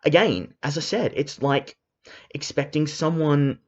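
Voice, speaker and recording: Intense Australian man ranting, lo-fi. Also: fairly high pitch. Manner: intense and emphatic, with halting restarts. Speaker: commentary vlogger. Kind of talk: unscripted ranting monologue. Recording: dull lo-fi recording.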